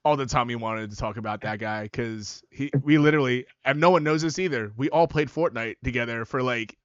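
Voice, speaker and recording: A man's voice: mid-range voice, brisk, dry recording. A man hosting a casual interview who laughs often and keeps the chat joking. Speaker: interviewer, channel host. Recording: dull dry sound.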